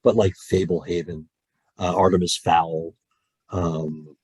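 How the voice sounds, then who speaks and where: Slow and husky, a low-pitched man speaks as a guest voice actor on a casual podcast call, and the recording is dry. He gets animated and passionate when talking about storytelling, restarting his sentences again and again.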